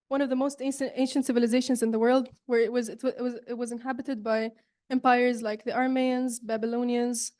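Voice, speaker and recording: A young woman from Saudi Arabia delivers an earnest student presentation in a fairly high voice. She talks with frequent fillers and restarts. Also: darkish tone. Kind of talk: presentation talk.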